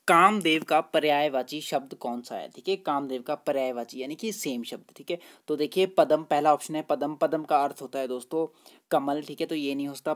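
A man's voice: fairly high pitch, fairly bright tone. A friendly male teacher walks through exam questions one at a time in a chatty tutorial voice. He fills his explanations with "ठीक है" and "दोस्तों" and explains each answer patiently.

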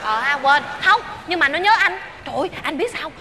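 Chatty pleading young lover. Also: female voice, high voice, lively intonation, fairly quick, sharp tone, slight background noise, heavily acted. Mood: coaxing. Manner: pleading, chatty, laughing often. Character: excitable young woman in love, pleading. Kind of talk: stage comedy sketch.

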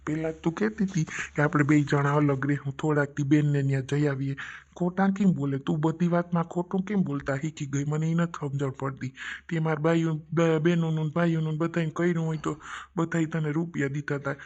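A man's voice: a little high, steady tone, a little fast, a little mellow, dull audio, natural voice. A man voicing an old father in a cartoon who rambles and chides. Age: older. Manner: rambling, chiding. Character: old father, stubborn and scolding.

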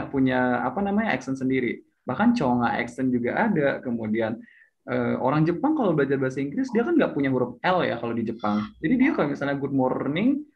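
A man's voice: medium pitch, a little hiss or hum. Young man, casual and chatty, hesitant with fillers; muffled recording. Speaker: speaker sharing English tips. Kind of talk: casual chat. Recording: slightly dull lo-fi audio.

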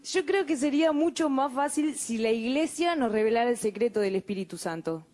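Young Argentine female stand-up, high voice, wry chatty delivery, faint crowd. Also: expressive, a little fast, warm tone, a little hiss or hum. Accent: Argentine Spanish. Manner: wry, conversational asides, frequent laughs. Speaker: stand-up comedian. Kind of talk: stand-up routine.

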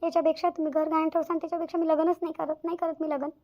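Tearful young village bride. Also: female voice, extremely high pitch, little pitch movement, rapid-fire, muffled recording. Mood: distressed. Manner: tearful, repeats herself insistently. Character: young village bride-to-be, anxious and self-sacrificing. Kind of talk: cartoon voice acting.

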